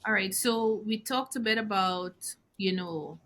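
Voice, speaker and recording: A woman's voice: medium pitch, unhurried, fairly bright tone. A woman hosting a podcast, asking curious, chatty questions with plenty of fillers. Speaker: podcast host. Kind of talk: casual interview questions.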